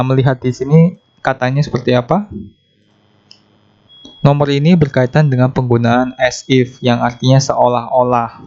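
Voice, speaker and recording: A man teaching an English exam-prep lesson. He explains each question step by step and slows down to read out the English answer options. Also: mid-range voice, a little mellow, muffled recording.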